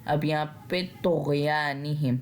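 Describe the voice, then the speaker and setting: A woman's voice: low voice, little pitch movement, unhurried. A woman with a Pakistani Urdu accent teaching Quran recitation rules patiently, step by step. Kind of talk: tajweed lesson with recitation.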